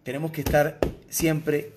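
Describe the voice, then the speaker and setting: A Venezuelan man preaches a sermon in a somewhat high voice, animated and direct with his congregation. He drops into soft, low asides, then lifts into emphatic, ringing lines. He keeps checking in with rhetorical questions as he goes. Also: a little slow. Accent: Venezuelan Spanish. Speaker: pastor.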